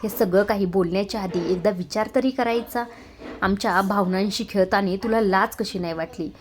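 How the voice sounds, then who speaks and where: A woman's voice: medium pitch, moderate pace, slight background noise, lightly acted. A woman reading a bitter, hurt teenage boy. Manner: bitter, accusing.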